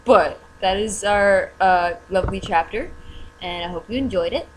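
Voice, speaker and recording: A woman's voice: medium pitch, moderate pace, a little hiss or hum, low-quality recording. A young woman reading fan fiction aloud for laughs, mocking it sarcastically as she goes. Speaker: reader.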